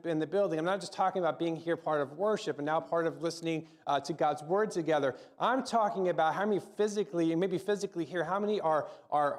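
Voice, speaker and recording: Slightly high-voiced male pastor preaching. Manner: conversational, with frequent restarts and repeated words. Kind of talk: sermon with spoken prayer. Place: church service, also live-streamed.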